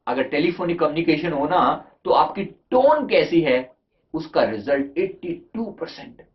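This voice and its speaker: A man's voice: fairly high pitch, very animated, measured pace. A man, a life coach, giving a conversational motivational talk on communication, asking his listeners rhetorical questions and mixing in English terms. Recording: dull lo-fi recording.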